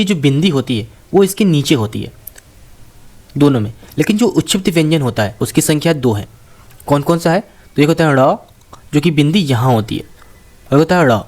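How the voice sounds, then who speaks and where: A man teaching a lesson on the alphabet, asking questions and answering them himself, and sounding out single letters with care. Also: a little high. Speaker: Hindi teacher. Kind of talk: explanatory lesson.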